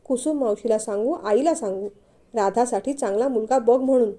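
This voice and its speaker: A woman reading the part of a protective young man, anxious and devoted, who pleads and presses with urgency. The voice stays high and light, a storybook hero rather than a deep one. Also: moderate pace, dark tone, lightly acted. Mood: longing.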